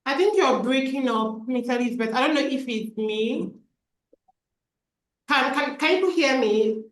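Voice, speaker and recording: A woman moderating a panel's question session over a video call, relaying audience questions in a halting way and repeating words as she goes. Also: sits high. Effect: heard over a video call. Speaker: webinar moderator. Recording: echoey, distant video-call audio.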